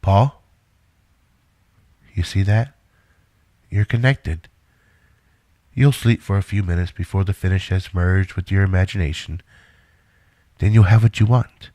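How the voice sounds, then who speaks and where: In an audio drama, a male actor voices a controlling, self-assured middle-aged inventor, speaking in a measured, instructive way with an intent, lecturing mood. His voice is deep and mellow, and the recording is dry.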